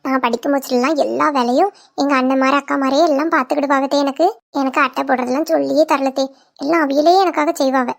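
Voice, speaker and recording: A woman's voice: high voice, fairly even intonation, fast, gravelly. A woman voicing a playful, talkative young village daughter-in-law, in a cartoon. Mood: cheeky. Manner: playful, teasing, cheeky. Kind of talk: cartoon voice acting.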